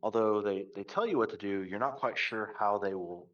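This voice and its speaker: Calm male game master narrating a tabletop session; deep-ish, set back from the mic, muffled voice-chat sound. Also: normal speed, distant mic. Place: online voice chat.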